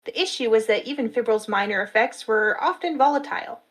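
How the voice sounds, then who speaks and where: A woman's voice: on the high side, a little fast, poor audio. Woman reading a story aloud. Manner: steady storytelling narration. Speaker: narrator. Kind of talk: live story reading at an online convention.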